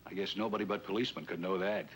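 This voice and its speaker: A deep male voice holds a steady, fairly bright tone while talking very fast. He plays a wary, folksy shopkeeper, the swindled robbery victim of a 1950s police drama, hesitant and plain-spoken, earnest and rueful. Audio comes from a noisy old film soundtrack.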